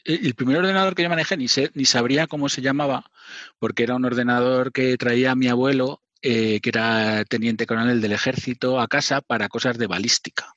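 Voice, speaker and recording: A middle-aged man, chatting as an interview guest and poking fun at himself as he goes. His voice sits at an ordinary pitch. It comes through a dull, lo-fi line in a dry, dead-sounding room. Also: steady tone, brisk, fairly bright tone, no echo. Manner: chatty, self-mocking, often laughing and restarting. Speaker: podcast guest, former magazine writer. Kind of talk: casual interview storytelling.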